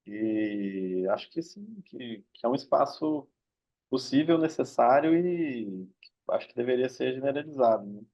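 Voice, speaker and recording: A man's voice: medium pitch, expressive, measured pace, mellow, highs cut off. A man mediating an online discussion, speaking thoughtfully and hesitantly and often ending his sentences with tag questions.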